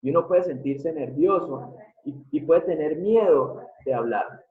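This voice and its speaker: A man delivers an online lecture in a fairly high voice, walking through examples and constantly asking his audience what they think. His voice comes through thin and phone-like. The room around him rings with echo. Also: measured pace. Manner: explanatory, keeps asking the audience questions. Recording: tinny phone-like sound in an echoey room.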